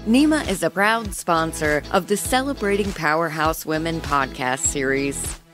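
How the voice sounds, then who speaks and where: A woman reads a sponsor advertisement in a smooth, even delivery. Her voice sits a little low, and clear music plays behind her. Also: moderate pace. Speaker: sponsor announcer. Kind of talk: read sponsor ad. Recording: ad read over music.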